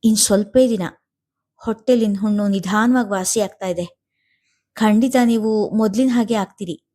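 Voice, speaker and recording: A woman reading a calm, devoted caregiver. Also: medium pitch, moderate pace, lightly acted. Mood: reassuring. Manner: gently reassuring.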